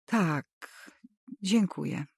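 A woman reading as a quiet, guarded young lodger. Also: on the low side, lively intonation, drawn-out words, creaky, husky, no echo, clean studio sound, exaggerated voice. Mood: curt. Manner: quiet, curt, withdrawn. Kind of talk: audiobook reading.

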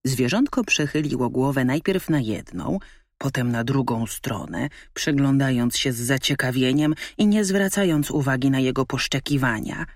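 A woman reading a children's story aloud, narrating in an expressive, lively way. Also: a bass voice, moderate pace, no room sound. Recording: dry close studio sound.

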